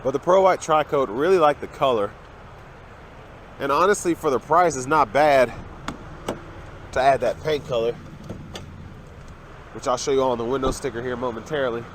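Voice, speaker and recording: A man's voice: medium pitch, moderate pace, pauses often, slight background noise. A young man, getting over a cold, casually walking around a car and pointing out its features. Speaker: car reviewer. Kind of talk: walkaround car review narration. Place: in and around a parked car outdoors.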